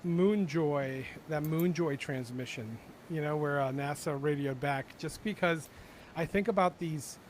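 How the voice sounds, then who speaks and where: A man's voice: on the high side, measured pace, slight background noise. A man co-hosting a casual livestream panel, talking enthusiastically with lots of fillers and restarts. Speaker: livestream co-host.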